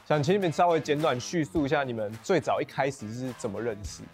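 Taiwanese Mandarin-accented male interviewer, brisk questions over faint music. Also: mid-range voice, animated. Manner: quick, plain-spoken questions.

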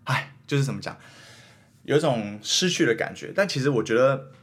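A young man in his twenties with a Taiwanese Mandarin accent, hosting a podcast in casual chat and thinking out loud in an earnest, rambling way. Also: mid-range voice, lively intonation, a little fast, slightly rough. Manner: earnest, rambling, self-questioning. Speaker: podcast host.

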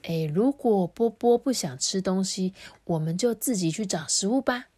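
A woman voicing a kind, patient father dinosaur who speaks calmly and soothingly. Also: mid-range voice, moderate pace, breathy edge, dry recording. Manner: calm soothing.

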